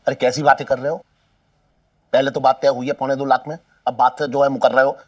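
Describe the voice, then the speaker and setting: An actor playing an irritable brother-in-law in a sitcom, scolding and exasperated. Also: male voice, mid-range voice, flat delivery, fairly quick, dull audio, background noise, natural voice. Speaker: comic actor. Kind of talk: sitcom acting. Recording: distant mic with music behind.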